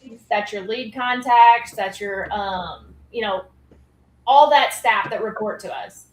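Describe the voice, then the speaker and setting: Speaking slowly in a medium-pitched voice, a school health program guest chats on a podcast about the work of school nurses. She stays upbeat and uses lots of fillers, recorded in an echoey room.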